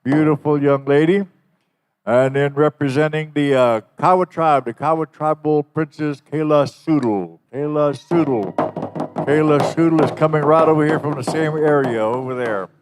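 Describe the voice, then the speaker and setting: An older man working as a powwow emcee, making folksy, unhurried announcements to the gathering. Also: a little high, big-room sound, noisy background. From Dallas, United States.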